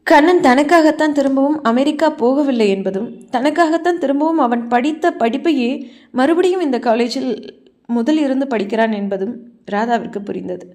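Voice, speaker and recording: A woman's voice: sits high, moderate pace. Woman narrating an audio novel. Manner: steady, storytelling. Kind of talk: scripted story narration.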